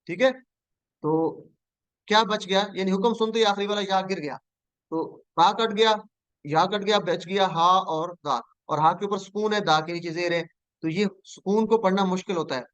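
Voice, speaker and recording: High, clear-voiced male teacher leading drills. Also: fairly bright tone, no room sound. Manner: patient, repeats drills and invites students to answer. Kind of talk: online class lesson with drills.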